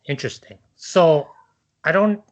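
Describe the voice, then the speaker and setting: A man with a somewhat high voice talks at a measured pace, the highs missing from the recording. Thinking aloud during an informal debate, he hesitates, digresses, and keeps checking for agreement with tag questions.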